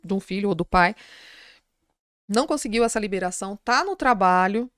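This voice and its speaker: A woman's voice: mid-range voice, a little fast, smooth, dry recording, studio quality. A middle-aged woman with a Brazilian Portuguese accent, a psychologist guest on a podcast, telling a story in casual conversation and acting out the people in it. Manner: animated retelling with quoted voices.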